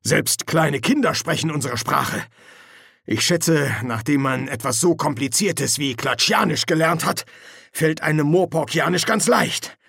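A man's voice: a little high, a little slow, vocal fry, a bit bright, slightly rough, no echo, clean studio sound, voice pushed up, exaggerated voice. A man voicing a bumbling, portly middle-aged army sergeant in an audiobook, with a raised, blustering voice. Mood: flustered. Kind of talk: audiobook character voice.

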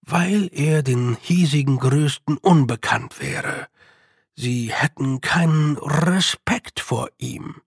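A courteous, well-spoken male bard with a rolling R and measured words, as a narrator puts him on. He talks slowly in a gravelly voice, recorded close and dry. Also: medium pitch, animated, no room sound, heavily acted.

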